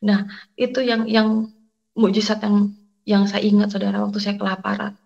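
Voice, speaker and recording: A middle-aged woman, telling her faith testimony in an emotional, halting way and addressing listeners directly. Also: medium pitch, flat delivery, vocal fry, a little mellow, highs cut off. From Indonesia. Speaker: testimony guest.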